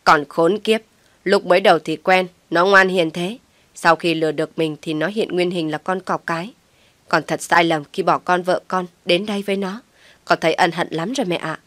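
A woman's voice: on the low side, fairly even intonation, moderate pace, a bit bright, no room sound, lightly acted. A woman voicing a drunk, belligerent husband who slurs his words. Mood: drunk, angry. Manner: slurred, belligerent. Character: drunk slurring husband Tuấn.

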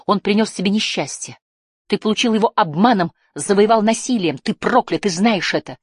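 Woman doing a fired-up teen boy, trembly accusing voice, kinda husky, dry. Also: lowish voice, expressive, normal speed, dry recording. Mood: intense. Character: angry, defiant teenage boy hero.

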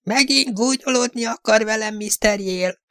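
A thin squeaky old fortune-teller. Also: male voice, sharp tone, clear, resonant tone, no room sound, studio quality. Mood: wary. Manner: murmuring, ominous.

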